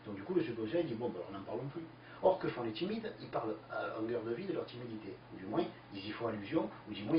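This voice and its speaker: A man answering listener questions in a lively, emphatic explanatory talk full of fillers. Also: mid-range voice. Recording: distant, echoey, dull lo-fi with faint hiss.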